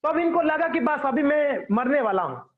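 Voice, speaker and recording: A man's voice: extremely high pitch, big pitch swings, moderate pace. A man giving a devotional sermon, telling a story and acting out the quotes of its characters. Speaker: preacher. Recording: tinny phone-like audio.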